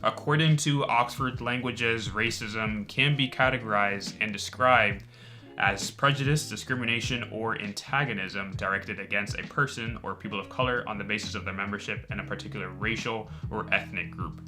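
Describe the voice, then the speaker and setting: A man's voice: fairly low pitch, steady tone, moderate pace, pushed and bright, soft background music. Earnest young man introducing a video project. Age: young adult. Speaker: student filmmaker and interviewer.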